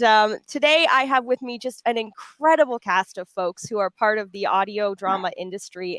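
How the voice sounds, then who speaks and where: This panel host, who also voices audio dramas, has a mid-range, fairly bright voice captured with no echo. Introducing guests on a pre-recorded panel, she's chatty and effusive, speaking emphatically to both the guests and the audience.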